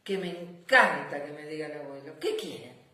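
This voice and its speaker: A woman voicing a proud, affectionate old grandfather general who tells war memories in a deliberate, dramatic storybook manner. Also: sits low, sharp tone, pitched below the performer's own voice. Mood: fond, indulgent. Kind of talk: children's storybook narration. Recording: echoey room.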